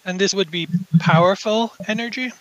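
A man voicing a haughty, dismissive rich woman investor in a tabletop game, speaking in a cool, condescending, measured way. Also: sits high, no echo, highs cut off, close to an everyday voice.

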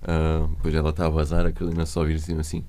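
A man's voice: a bass voice, monotone, rapid-fire, warm tone. A young man with a European Portuguese accent, telling a slangy, casual anecdote among friends. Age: young adult. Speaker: student podcast participant.

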